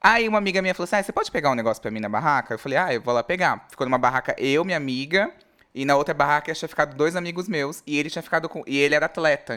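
A man telling a lively, slangy personal story in a casual chat. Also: a little high, clear, resonant tone.

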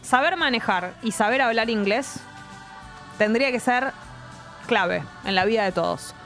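Lively Argentine woman host. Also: on the high side, unhurried, soft background music. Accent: Argentine Spanish. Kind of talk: casual chat.

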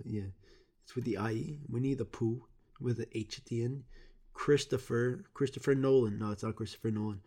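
A man hosting a podcast, his voice mid-range and darkish, delivers a loose comedic monologue of childhood memories, rambling, cursing, and breaking off mid-thought.

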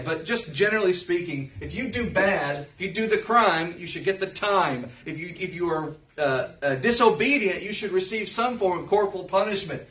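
High-voiced man teaching in an echoey hall. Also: fairly bright tone. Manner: emphatic, questions the listeners directly. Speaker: Bible teacher. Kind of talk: Bible study teaching. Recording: roomy hall, mic set far off.

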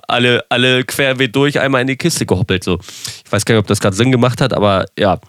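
Young male podcaster, dry close sound, rambling candid storytelling, mid-pitched voice. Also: fairly even intonation, fast, fairly bright tone, no room sound. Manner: rambling, self-correcting, candid with wry asides. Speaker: podcast host.

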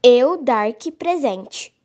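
A woman's voice: a little high, animated, drawn-out words, dull audio, noisy background. A woman playing a confident, spooky-minded child who makes declamatory announcements in a children's horror audio drama. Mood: mysterious.

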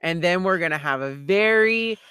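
A woman's voice: fairly low pitch, lively intonation, normal speed, fairly bright tone, smooth, dry recording, clean studio sound. A woman in casual podcast chat, playful and riffing in goofy put-on voices. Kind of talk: casual chat with joking voice bits.

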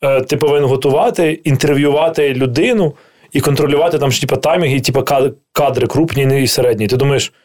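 A man, a guest chef, chatting casually and telling lively stories, swearing freely and acting out the voices of people he quotes. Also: medium pitch, fast. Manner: animated storyteller who swears freely and acts out quoted dialogue. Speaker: guest chef and TV cooking host. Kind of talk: casual podcast chat.

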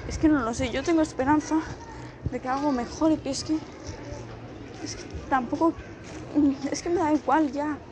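Woman from Spain, high voice, near tears, halting confessional monologue, noisy background. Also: fairly even intonation. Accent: Spain Spanish. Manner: halting, repeats and restarts her phrases. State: close to tears. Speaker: vlogger. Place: outdoors, people passing by.

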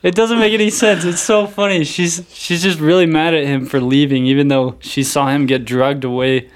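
A man's voice: on the high side, steady tone, normal speed, slight background noise. A man co-hosting a casual movie review podcast, recapping scenes and acting out lines from the film. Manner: recaps scenes with mock quotes. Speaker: podcast co-host.

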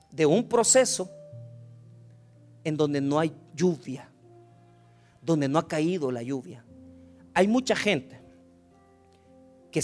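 A man's voice: high voice, darkish tone. A man preaching a sermon as pastor, emphatic, repeating words and addressing the congregation directly.

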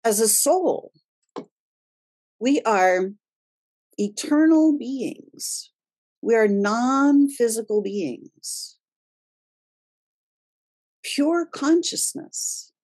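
A woman hosting a wellness show, giving a spiritual self-help talk in a deliberate manner with pauses for emphasis. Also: fairly high pitch, expressive, a little mellow, breathy edge. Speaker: host of a wellness radio show.

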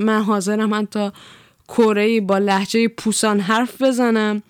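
A young woman from Iran speaks her mind in a blunt, profane, animated rant. Her voice is smooth and clear, and the recording is dry and close, with no room sound. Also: mid-range voice, no room sound. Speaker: vlogger. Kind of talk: casual chat.

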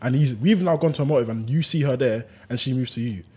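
A man's voice: medium pitch, fast talker, warm tone, breathy edge. A man in his twenties with a London roadman accent, challenging and questioning his friends in a casual debate. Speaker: podcast co-host.

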